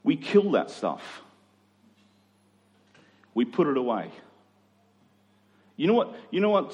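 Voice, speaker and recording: A preacher from Queensland, Australia, delivers a sermon to a congregation in a large room, his voice a little high and a little mellow. He speaks earnestly and conversationally, repeating phrases for emphasis. The lo-fi recording captures an echoey hall with long reverb.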